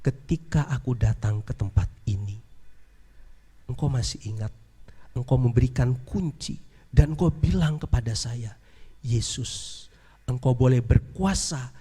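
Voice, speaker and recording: A man voicing Jesus in a sermon story, speaking softly, sadly and tenderly. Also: medium pitch, a little slow, pauses often, slightly rough, in a large hall. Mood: sad, gentle. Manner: soft, sad and tender.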